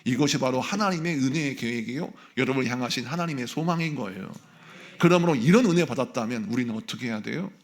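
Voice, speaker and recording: A man's voice: medium pitch, fast. A man, the senior pastor of a church, preaching a sermon in a church sanctuary and pressing his congregation with emphatic rhetorical questions.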